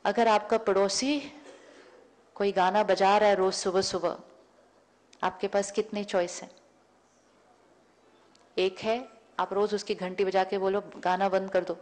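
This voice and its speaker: A woman's voice: medium pitch, flat delivery, unhurried, pauses often, darkish tone. A woman giving a public spiritual lecture, telling everyday stories and acting out both sides of the dialogue, often repeating key words. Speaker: spiritual teacher. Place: lecture hall before an audience.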